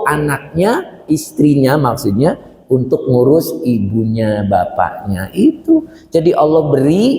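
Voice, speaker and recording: Man preaching, storytelling, fairly high voice, echoey hall. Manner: lively storytelling, addresses listeners as Bapak and Ibu. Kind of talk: sermon. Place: mosque or hall gathering. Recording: roomy hall echo.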